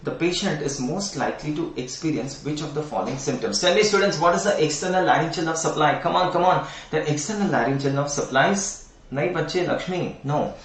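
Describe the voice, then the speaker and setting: Middle-aged Indian English male lecturer, somewhat high voice, repeats key terms, coaxes students; echoey room, mic at a distance. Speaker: anatomy teacher. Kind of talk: online exam-prep lecture.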